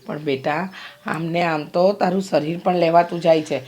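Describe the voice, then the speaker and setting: A woman's voice: on the low side, fairly even intonation, moderate pace, a little mellow, breathy edge. A middle-aged woman playing a worried mother who scolds and fusses over her daughter in a short film drama. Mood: pleading. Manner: fretful, nagging, complaining.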